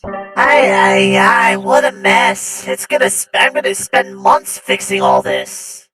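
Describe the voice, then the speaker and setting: A man's voice: very high voice, big pitch swings, slow, creaky, sharp tone, exaggerated voice. A man voicing a fussy, flustered robot helper who frets over the damage. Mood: fretting. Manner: fretting, exclamatory. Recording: distant from the mic, faint music.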